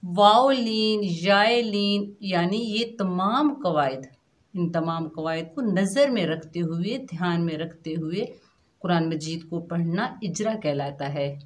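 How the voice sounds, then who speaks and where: A woman teaching Quran recitation rules to children, patiently explaining each rule step by step and then drawing out the practice syllables. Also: on the low side. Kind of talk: slow children's recitation lesson.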